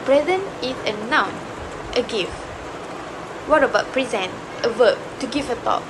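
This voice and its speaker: A woman's voice: high-pitched, moderate pace. Hesitant young woman presenting, traffic noise. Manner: hesitant, many uh fillers and restarts. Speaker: student presenter, future English teacher. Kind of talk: class presentation. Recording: noisy background with passing vehicles.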